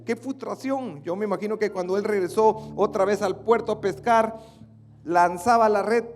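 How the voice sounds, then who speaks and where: A man pastor preaching a sermon dramatically, swinging between loud outbursts and hushed lines. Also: sits high.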